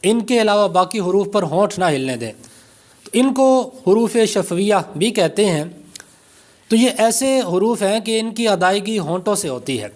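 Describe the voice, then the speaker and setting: A man teaching a recorded Quran reading lesson, with a Pakistani Urdu accent, slowly and carefully pronouncing each letter. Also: high voice, animated. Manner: slow, careful letter-by-letter pronunciation drills.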